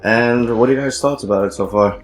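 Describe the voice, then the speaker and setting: A man hosting a casual chat with his co-hosts, relaxed and trailing off often, while losing his voice. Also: mid-range voice, a little fast, soft background music. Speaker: host. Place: shared room with co-hosts.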